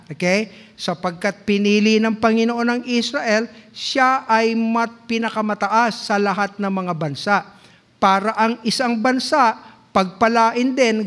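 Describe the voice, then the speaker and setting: A Filipino pastor preaching a sermon in mixed Tagalog and English, teaching like a lecturer and often checking in with the congregation. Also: male voice, sits high, fairly bright tone. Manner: teacherly, asks the congregation questions and checks in with "okay?"; slow, deliberate delivery with drawn-out quoted verses. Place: church sanctuary.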